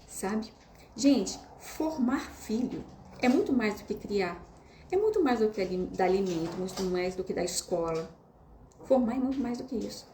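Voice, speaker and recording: A woman's voice: mid-range voice, dark tone. Chatty Brazilian woman teaching in an echoey room. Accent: Brazilian Portuguese. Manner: chatty, addresses listeners often with tag questions. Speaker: online course teacher. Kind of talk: conversational lesson. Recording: roomy echo with faint hiss.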